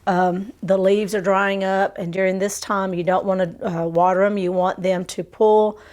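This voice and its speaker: A woman's voice: medium pitch, level tone, moderate pace, darkish tone. A woman hosting a casual gardening how-to in a folksy way, her voice a little under the weather from a sore throat. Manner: folksy, dropped endings like "gonna" and "'em". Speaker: host of a gardening channel. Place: greenhouse.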